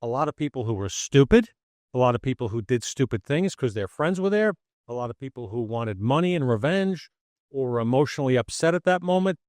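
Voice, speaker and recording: A man, a podcast host and former investigator, speaking in a measured, authoritative and wry way at a live show. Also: mid-range voice, a little mellow, no room sound, studio quality. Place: pizzeria before live audience.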